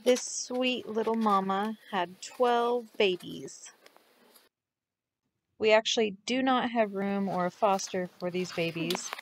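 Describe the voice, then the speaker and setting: A woman's voice: mid-range voice, slow pace, slight background noise. A woman narrating a dog rescue clinic vlog in an earnest, heartfelt voice-over.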